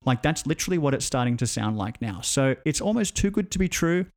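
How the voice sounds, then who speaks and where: A man, a tech commentator, telling a story in a joking, animated way with voiced asides. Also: mid-range voice, brisk. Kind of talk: casual spoken storytelling.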